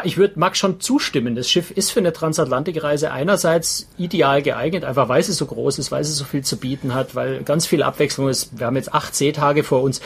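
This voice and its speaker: A man co-hosting a podcast from a ship's cabin at sea, chatting on a video call in a relaxed way, thinking aloud with fillers. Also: mid-range voice, slightly rough. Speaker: podcast co-host. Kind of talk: casual conversation.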